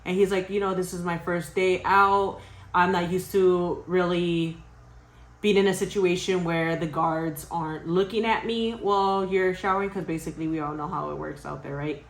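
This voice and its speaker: A young woman vlogger casually telling a spooky story to her viewers, animated and swearing, often laughing. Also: on the low side, moderate pace, roomy sound.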